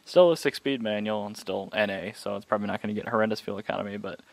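A man's voice: lowish voice, fast talker, creaky, no echo. A man chats casually on a podcast, telling a long, rambling story full of fillers. The sound is dry and close to the mic, with no room around it. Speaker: podcast co-host. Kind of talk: casual chat.

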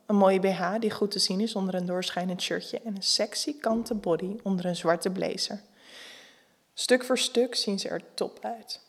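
Woman narrator, erotic audio story, calm reading, mid-pitched voice.

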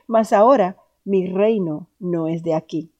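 A woman voicing a calm, solemn male prophet on trial, speaking in a measured way. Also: on the low side, muffled recording.

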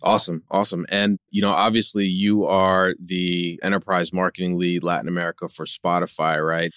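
Deep-voiced man hosting a podcast. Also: little pitch movement, normal speed, fairly bright tone, clear, resonant tone, no room sound, studio quality. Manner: affirming, frequent "mm-hmm" and "right". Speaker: podcast host. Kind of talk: podcast interview.

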